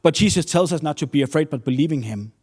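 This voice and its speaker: A man's voice: a little high, expressive, fast talker, darkish tone, breathy edge. Earnest man preaching a sermon. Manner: earnest, storytelling with non-native English phrasing.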